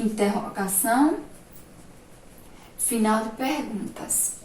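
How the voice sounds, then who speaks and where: A woman with a Brazilian Portuguese accent teaching a remote primary-school lesson, explaining slowly and patiently and asking the class rhetorical questions. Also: fairly high pitch, darkish tone, reverberant, recorded from a distance, slight background noise, rough recording.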